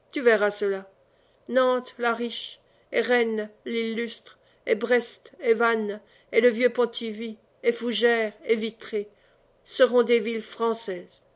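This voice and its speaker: A woman's voice: fairly high pitch, level tone, slow pace. A woman reading the part of an old man who speaks in exalted, declamatory prophecy. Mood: grave. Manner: solemn, declamatory.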